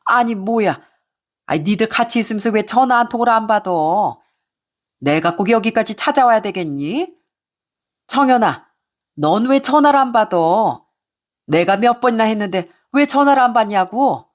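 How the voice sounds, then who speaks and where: Bossy older mother-in-law, shrill and nagging, put on by a woman storyteller. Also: animated, normal speed, close to an everyday voice. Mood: scolding. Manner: scolding, nagging, raised voice.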